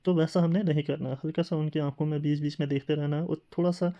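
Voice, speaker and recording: A man's voice: a little high, fairly even intonation, fast talker, warm tone, lo-fi sound. A man teaching a classroom lecture in tinged speech, explaining step by step with rhetorical questions and filler sounds.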